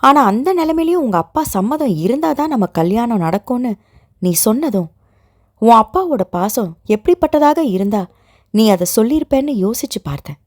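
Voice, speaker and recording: A devoted young man in a romantic audio drama, soothing yet firm, with a lively, rising and falling voice, as a woman narrator puts him on. He speaks reassuringly and scolds softly when she worries. The sound is close and dry. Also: very high-pitched, normal speed, dry recording. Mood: tender reassurance. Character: young man, loving and protective fiancé.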